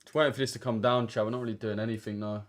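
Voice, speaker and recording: Jeune homme à l'accent de l'Essex, bavard, voix un peu grave. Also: male voice, fairly low pitch, steady tone, rapid-fire. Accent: Essex English. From Essex, England. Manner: slangy, chatty, addresses chat directly. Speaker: trading livestreamer. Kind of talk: casual livestream chat.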